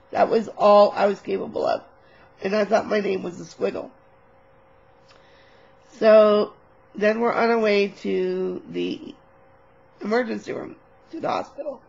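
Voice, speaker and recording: Husky gravelly woman telling a story. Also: medium pitch, normal speed, pauses often, dull audio. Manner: animated, candid, swears casually. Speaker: vlogger. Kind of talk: casual storytelling vlog.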